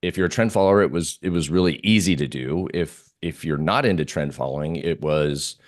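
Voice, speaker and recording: This man talks fairly quickly in an extremely low voice. Appearing as an interview guest, he gives loose, informal market commentary, circling back over his own words as he thinks out loud.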